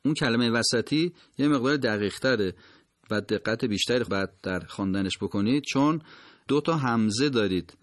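A man teaching Quran recitation. He explains each point and then chants the words slowly in a drawn-out style. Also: medium pitch, no room sound, clean studio sound. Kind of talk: recitation lesson.

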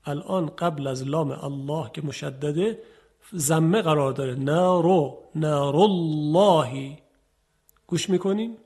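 A man's voice: on the high side, darkish tone, husky. A male Quran recitation teacher giving a patient explanatory lesson, repeating and demonstrating each example.

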